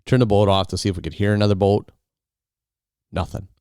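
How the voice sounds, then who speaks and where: A man's voice: fairly low pitch, level tone, a little fast, a little mellow, clean tone, dry recording, clean studio sound. A man hosting a podcast, telling an outdoor survival story in a casual, rambling way, often restarting and repeating words. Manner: rambling, repeats and restarts words, quotes others in his own voice.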